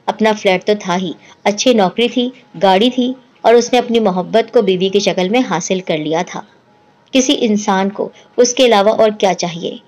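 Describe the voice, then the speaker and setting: A woman narrating a first-person story in a steady, earnest storytelling manner. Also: mid-range voice.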